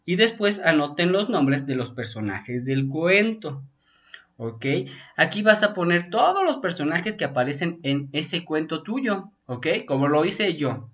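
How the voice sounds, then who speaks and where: Man, teacher, online class, patient, checks in often, somewhat high voice, dull lo-fi recording. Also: fairly bright tone. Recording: dull lo-fi sound.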